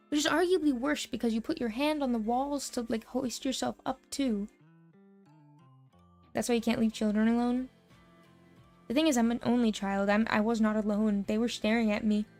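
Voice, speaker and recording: A young American woman streaming a casual chat, telling stories in a lively way, laughing often and swearing freely. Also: fairly high pitch. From United States.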